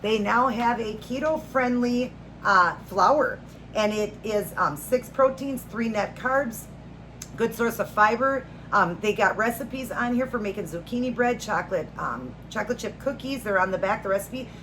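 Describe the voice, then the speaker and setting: A woman's voice: fairly high pitch, moderate pace, a bit bright, poor audio. A middle-aged woman hosting a vlog, chatting casually to viewers in a rambling, homey, earnest way. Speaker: host of a food and faith vlog. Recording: noticeable background noise, home video.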